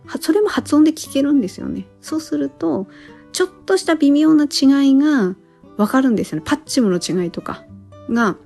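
Mellow-voiced woman chatting on a podcast. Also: mid-range voice. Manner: relaxed and chatty, thinks aloud with many pauses. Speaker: podcast host. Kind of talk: casual solo podcast talk.

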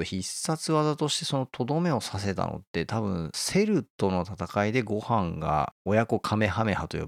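A man's voice: low-pitched, creaky, no echo, clean studio sound. A man hosting a casual talk, explaining a favourite manga and often chuckling as he goes. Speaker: host.

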